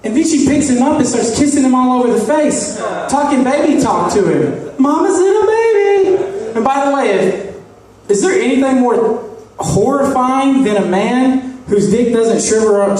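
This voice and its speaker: A man's voice: very high-pitched, moderate pace, darkish tone. A male stand-up comic telling crude, rambling stories on stage in a comedy club. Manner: crude, rambling anecdotes with asides. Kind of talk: stand-up storytelling. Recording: echoey club heard from a distance.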